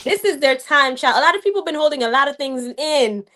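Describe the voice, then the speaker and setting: A woman's voice: high-pitched, lively intonation, quick pace, a bit bright. A young adult woman from the United States, a guest in a casual live-stream chat, talking animatedly and switching between Haitian Creole and English.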